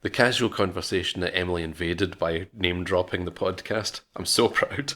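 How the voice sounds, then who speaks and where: A man's voice: low voice, moderate pace, fairly bright tone. A man with a Scottish accent, co-hosting a podcast in casual, self-mocking chat. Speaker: podcast co-host.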